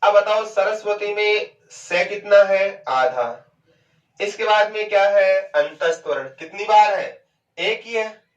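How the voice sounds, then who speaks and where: A man teaching Hindi grammar in a lecture. He asks questions and answers them himself, and he draws words out slowly to show how they sound. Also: high-pitched, recorded from a distance. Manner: stretches out words to show pronunciation. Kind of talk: classroom lecture. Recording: dull, echoey and off-mic.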